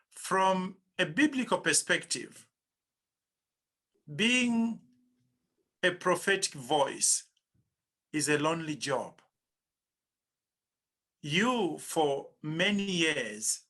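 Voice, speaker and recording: Slow, bright-voiced male interviewer. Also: fairly high pitch. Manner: deliberate, framing long questions. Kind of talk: prepared interview questions.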